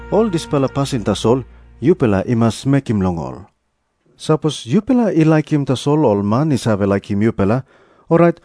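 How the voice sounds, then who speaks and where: A man with a Papua New Guinean accent reads scripture in a measured, declarative way. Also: mid-range voice, warm tone, dry recording, clean studio sound. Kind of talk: scripted scripture reading in Tok Pisin. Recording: music behind the voice. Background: background music.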